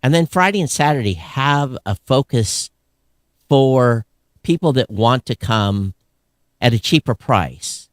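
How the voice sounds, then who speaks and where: A man's voice: mid-range voice, expressive, takes it slowly, no echo, clean studio sound. A man co-hosting a live podcast, rambling and grumbling like an old curmudgeon while he chats and reads out listener comments. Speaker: podcast co-host.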